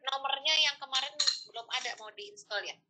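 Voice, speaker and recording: A woman's voice: sits high, brisk, pushed and bright. A woman making short, matter-of-fact remarks in an online class, her voice distant and faint like a phone held away from her mouth.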